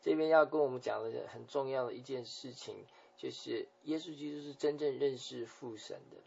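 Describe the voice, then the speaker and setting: Male pastor, mid-pitched, gravelly and husky, explanatory sermon delivery, on a dull lo-fi recording. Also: normal speed. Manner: explanatory, with frequent softening tag particles.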